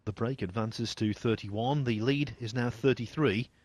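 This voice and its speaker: A man giving hushed snooker commentary in a measured, understated way, with a slightly husky voice. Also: mid-range voice, no echo.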